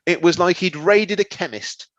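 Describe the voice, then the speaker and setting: A man's voice: high voice, moderate pace, fairly bright tone, dry recording. A man co-hosting a comedy podcast, telling a rambling story and stumbling over words. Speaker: podcast co-host. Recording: slightly dull, lo-fi.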